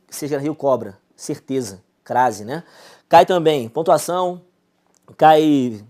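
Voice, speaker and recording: A man's voice: fairly high pitch, darkish tone. Man, brazilian accent, young adult, grammar teacher, casual and chummy. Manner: casual, chummy, asks "beleza?" often. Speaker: Portuguese teacher. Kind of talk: live online grammar lesson.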